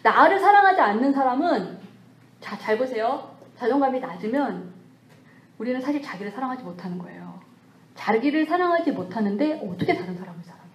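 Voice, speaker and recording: Woman church lecturer, fairly high voice, animated, acts out little bits of self-talk; echoey hall sound. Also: fairly quick, a little hiss or hum. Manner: lively, acts out scolding and comforting self-talk.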